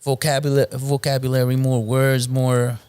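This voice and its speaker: Guesting on an interview as a rapper, this late-twenties man from Belgium, a native Moroccan Arabic speaker, talks in a laid-back, hesitant way with frequent ums and false starts. His mid-range voice is clear and resonant, captured without echo.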